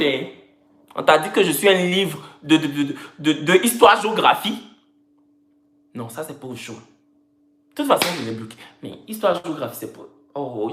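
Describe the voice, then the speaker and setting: A woman's voice: on the low side, fairly bright tone. Teasing woman on a live stream. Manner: teasing, repeats phrases, playful jokes. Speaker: social media personality. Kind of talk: casual live stream chat. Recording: roomy echo.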